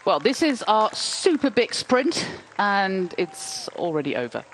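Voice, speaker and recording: With a medium pitch and big swings in intonation, this forty-something woman commentates a bike race at an unhurried pace, full of ums and stories. The recording is rough, with loud race sounds and slight background noise.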